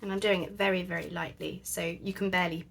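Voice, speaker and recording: Chatty woman with a gravelly edge. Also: fairly low pitch, fairly even intonation, fast, slight background noise. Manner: chatty, thinks aloud with many fillers. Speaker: crafting channel host. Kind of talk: casual crafting chat.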